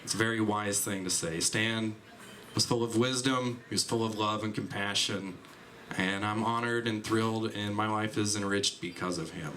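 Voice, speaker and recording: Earnest, lower-voiced man at a club mic. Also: steady tone, normal speed, bright, forceful tone, a little hiss or hum. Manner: earnest, sincere. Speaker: comedian. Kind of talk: heartfelt tribute speech.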